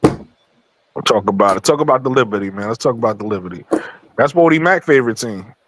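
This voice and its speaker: A man's voice: mid-range voice, animated, brisk, fairly bright tone, slight background noise. An American man co-hosting a casual sports chat in a conversational, informal way. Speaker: talk show co-host.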